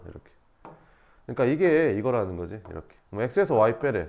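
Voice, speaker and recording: Lively-voiced male math teacher. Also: medium pitch. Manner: talks students through steps, asking and answering himself. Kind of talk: recorded math lesson explaining problems. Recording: slightly dull lo-fi recording.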